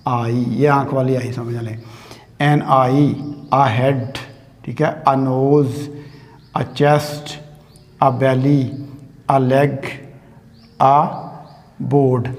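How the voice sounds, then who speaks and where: A man teaching an English grammar lesson at a board, slow and patient, often checking in with "theek hai". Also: mid-range voice, darkish tone, big-room sound. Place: classroom with a board.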